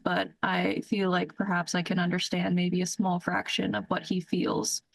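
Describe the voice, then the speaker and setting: A woman's voice: lowish voice, gravelly, dry recording, rough recording. A young woman, an active duty Air Force lieutenant, answering in a news interview, earnest and careful with frequent restarts.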